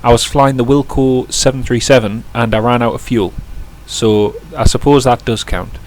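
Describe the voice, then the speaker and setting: A man gives chatty commentary while streaming a flight simulator, answering viewer chat and often restarting sentences to self-correct. He speaks at normal speed in a steady, mid-range, darkish voice, and the audio quality is poor.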